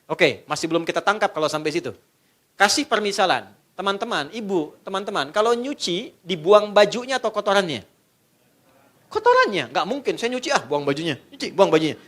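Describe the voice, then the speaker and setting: Male preacher, middle-aged, very lively intonation, playful sermon delivery that puts questions to the listeners. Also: high voice. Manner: jokey, quizzes the audience.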